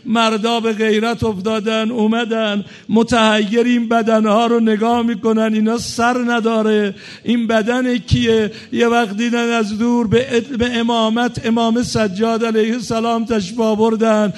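A man's voice: very high-pitched, level tone. A man preaching a religious sermon, telling a story dramatically, voicing the people in it and sliding into chanted lament.

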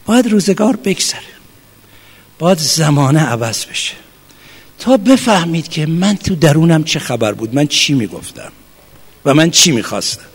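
High-pitched guy giving a fiery sermon, goes quiet then shouts, big hall reverb on it. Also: sing-song, slightly rough. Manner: swings from hushed to loud shouting. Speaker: preacher. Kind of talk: impassioned sermon.

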